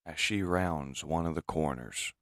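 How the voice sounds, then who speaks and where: Male comic-dub narrator, very low and gravelly, with a dry close sound. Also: a little slow, dry recording. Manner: steady, descriptive storytelling.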